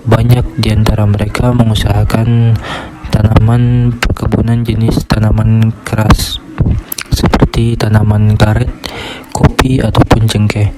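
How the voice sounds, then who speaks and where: A young man presents a class report, reading steadily from his script in a low voice. He keeps an even, monotone delivery. A loud hiss runs under the whole recording. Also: measured pace, long pauses. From Indonesia. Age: young adult. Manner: steady, reads from a script in a flat tone. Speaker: student.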